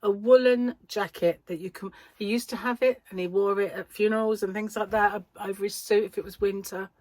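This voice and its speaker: A woman's voice: mid-range voice, fairly even intonation, fairly quick, darkish tone, no echo. A British woman chatting casually and self-deprecatingly in a rambling vlog, with a slight speech impediment that occasionally blurs her words. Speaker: crochet vlogger and yarn shop owner.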